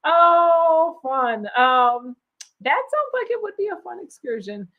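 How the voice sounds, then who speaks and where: A woman's voice: very high voice, sing-song, slow, narrow, tinny audio. A woman hosting a casual cruise chat, reading out viewer comments in a bubbly, chatty way and laughing easily. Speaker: cruise vlogger host.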